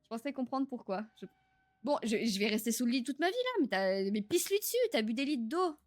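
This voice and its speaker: A young woman streaming a horror game live, excitable, swearing and laughing as she chats with her viewers. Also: on the high side, fairly quick, no room sound. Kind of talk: live gameplay commentary.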